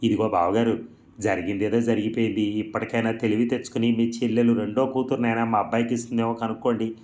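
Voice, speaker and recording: A man doing a pushy, brisk matchmaking aunt. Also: lowish voice, level tone, a little mellow, lightly acted. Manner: brisk, insistent. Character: pushy middle-aged woman relative, matchmaking.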